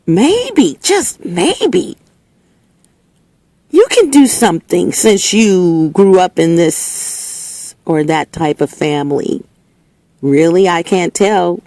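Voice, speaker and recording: Here a woman hosting an opinion segment rambles casually through her views, emphatic and preachy, restarting and repeating often. Her voice is a little mellow, slightly hoarse, and lower than typical. The recording, made into a setup with a level meter, is dry.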